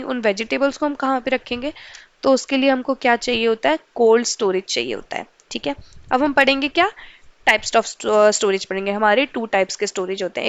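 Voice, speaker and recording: A woman's voice: a little high, smooth, no room sound, lo-fi sound. A woman teaching a school science lesson who asks questions and answers them herself, slipping English terms into her speech. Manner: mixes in English terms and phrases. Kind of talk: explaining a school science chapter.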